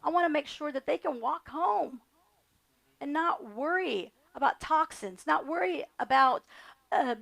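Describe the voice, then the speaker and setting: A woman's voice: high voice, animated, a little slow, vocal fry, a bit bright. A middle-aged woman, a candidate giving earnest, repetitive interview answers. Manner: earnest, repetitive campaign phrasing. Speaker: candidate for county attorney.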